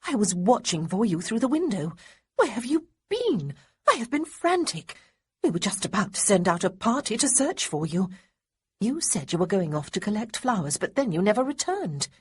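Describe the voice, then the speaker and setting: A woman's voice: medium pitch, sing-song, normal speed, a little mellow, breathy edge, no room sound, pitched above the performer's own voice. A woman voicing an anxious young female cousin who fusses and gives firm orders. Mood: frantic. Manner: fretful, then firm and bossy.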